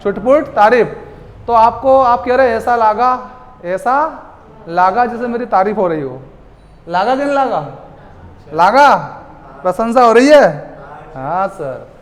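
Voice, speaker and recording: A man teaching a class in a lively lecture style. He keeps asking the students questions and then answers them himself. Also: very high voice, unhurried, pauses often. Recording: long hall reverb.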